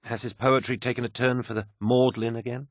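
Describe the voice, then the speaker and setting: A man with a husky voice reading the part of a curious young woman chronicler, gently probing and a little hesitant. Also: mid-range voice, flat delivery, fairly quick, no room sound, studio quality, voice pushed up, natural voice. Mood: earnest.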